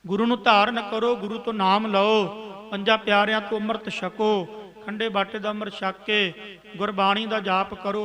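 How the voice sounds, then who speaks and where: Man, Punjabi accent, Sikh preacher, very high voice, bright and forceful, chants verses then explains. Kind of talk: sermon explaining scripture.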